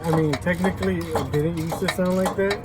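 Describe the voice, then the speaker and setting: A man with a fairly high voice banters like a teasing frat bro, casual, slangy and sweary. He sounds like the friend on a car vlog. The handheld recording is swamped with car and tool noise. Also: steady tone, fairly quick.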